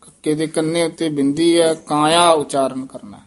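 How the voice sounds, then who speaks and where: A man's voice: a little high, steady tone, moderate pace. A man teaching scripture recitation, correcting pronunciation and patiently modelling each word.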